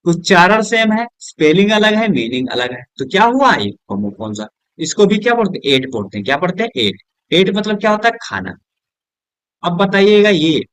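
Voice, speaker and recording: A man with Hindi-accented English, teaching a lesson at a board, asking questions and answering them himself, softer and lower on each answer word. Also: no room sound. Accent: Hindi-accented English words. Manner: drops low and soft on the answer words; keeps checking with "is that clear?".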